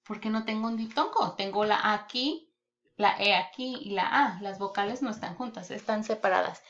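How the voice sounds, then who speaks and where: A woman teacher with a medium-pitched, somewhat bright voice gives a children's reading lesson online, speaking deliberately. She repeats words and checks in often with "ok?", captured in a dull lo-fi recording.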